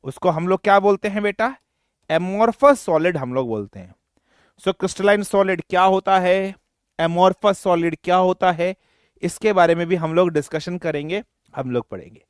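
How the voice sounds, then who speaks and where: A man's voice: sits high, moderate pace, clear, resonant tone, dry recording, clean studio sound. A young man from western Uttar Pradesh teaching a live online class, joking and teasing his students between explanations.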